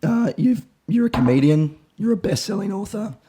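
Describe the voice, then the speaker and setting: A man hosting a podcast interview, hoarse from losing his voice, chatty and jokey. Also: high voice, lively intonation, moderate pace, mellow. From Australia. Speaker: podcast host. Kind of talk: casual interview chat.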